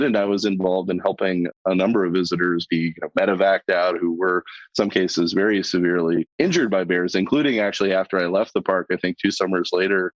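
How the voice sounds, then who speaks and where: A middle-aged man, a podcast guest, telling lively anecdotes in conversation and laughing as he goes. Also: deep voice, no echo. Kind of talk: storytelling in a podcast interview. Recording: dull lo-fi sound, dry.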